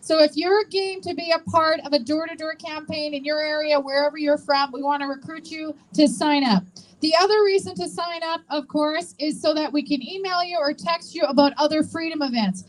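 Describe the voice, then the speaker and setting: A woman's voice: sits high, fairly even intonation, brisk, rough recording. A woman making informal emcee announcements at a rally, encouraging and engaging her listeners with questions. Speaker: rally host and volunteer organizer. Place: public rally, speaking to an audience.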